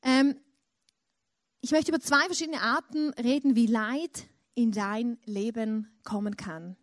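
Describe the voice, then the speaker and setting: A woman with a high voice preaches in an unhurried, deliberate way. She tells a story and climbs into dramatic emotional peaks. The sound is dry and close. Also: no echo. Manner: storytelling, with dramatic emotional rises into imagined cries. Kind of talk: sermon.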